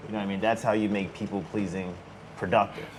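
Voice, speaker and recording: A man's voice: lowish voice, fairly even intonation, fast, noisy background. A man hosting a podcast, laid-back and chatty, often asking "you know what I mean". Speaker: podcast host. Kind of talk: casual conversation.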